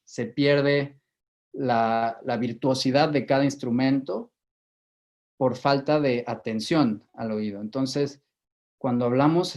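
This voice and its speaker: A man with a Mexican Spanish accent giving a measured lecture to a live audience, often repeating words while he thinks. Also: mid-range voice, darkish tone. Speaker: guest lecturer. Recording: dull lo-fi recording.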